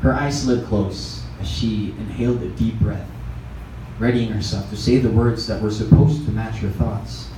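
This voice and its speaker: A Filipino-accented man reads a story aloud as narrator at a live literary event, his low, dark voice fairly even in intonation at normal speed. Captured on a distant mic, the sound is echoey and noisy from the event.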